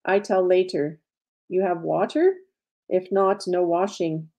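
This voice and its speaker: A woman's voice: fairly low pitch, steady tone, takes it slowly, dark tone, dull audio. A woman reading the lines of a village translator who speaks in broken English with short, blunt phrases. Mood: matter-of-fact. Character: local woman translator, plain-spoken. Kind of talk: reading aloud from her own story.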